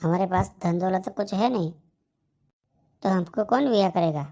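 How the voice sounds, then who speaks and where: A woman voicing a grown married man in a comedy cartoon whose wife has left him, snapping back with quick complaints. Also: on the low side, gravelly, mellow. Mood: explaining. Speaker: cartoon character.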